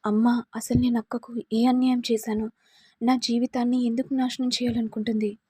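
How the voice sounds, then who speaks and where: A woman's voice: on the high side, flat delivery, brisk, mellow, husky, no room sound, studio quality. A woman voicing a hurt young wife asking tearful, pleading questions.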